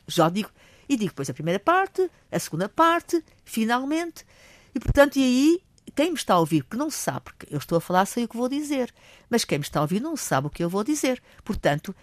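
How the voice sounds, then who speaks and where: An older woman with a European Portuguese accent, a teacher explaining public speaking in a lively way, acting out examples. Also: medium pitch, no room sound. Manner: lively, acts out examples, admits speaking fast.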